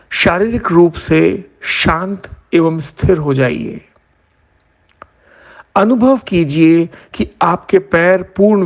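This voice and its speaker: A male instructor leads a guided yoga nidra meditation, giving measured instructions in short phrases separated by pauses. His voice is gravelly and a little high.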